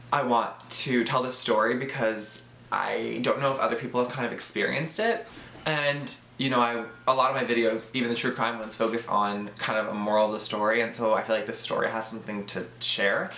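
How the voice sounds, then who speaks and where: A man's voice: medium pitch, fairly even intonation, brisk, pushed and bright, echoey room, slight background noise. A young man telling a personal story in a casual vlog, chatty and joking, with lots of fillers. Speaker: YouTuber.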